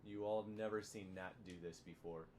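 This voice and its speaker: A man narrating as dungeon master, talking in a halting way with many fillers and restarts. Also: lowish voice, steady tone, darkish tone, a little hiss or hum. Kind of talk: narrating a tabletop game.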